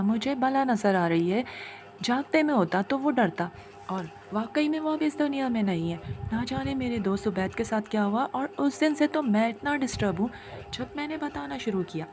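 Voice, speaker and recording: A woman's voice: fairly high pitch, a little mellow. A woman narrating a horror story in an anxious, fearful manner, voicing several of its characters herself.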